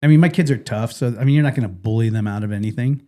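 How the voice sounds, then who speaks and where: Speaking at a racing clip with a medium-pitched voice, this middle-aged podcast co-host spins lively stories in relaxed conversation. He performs the quotes of the people involved.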